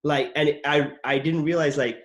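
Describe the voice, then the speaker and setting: A slightly high male voice, steady in tone and moderate in pace. He's an actor hosting a casual interview podcast, spinning loose, rambling tales from his acting jobs with lots of "like" and sentences he keeps restarting.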